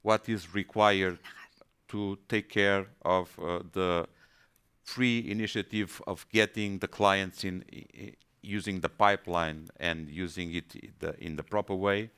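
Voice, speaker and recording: Hesitant man, smooth low voice. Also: fairly even intonation, a little slow, fairly bright tone. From Portugal. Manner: hesitant, repeats words while thinking. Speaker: panelist. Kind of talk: webinar presentation.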